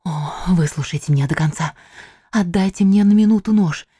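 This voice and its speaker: A woman's voice: deep voice, moderate pace, dark tone, husky, no room sound, studio quality. A woman voicing a cunning captive noblewoman in an audiobook, pleading and theatrical. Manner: pleading, theatrical, breathless entreaty. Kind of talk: audiobook character reading.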